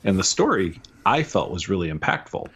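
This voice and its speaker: A man's voice: low-pitched, brisk, breathy edge. A man co-hosting a podcast, chatting casually and rambling a bit while reviewing a book. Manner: relaxed, rambling, chuckles often. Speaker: podcast co-host.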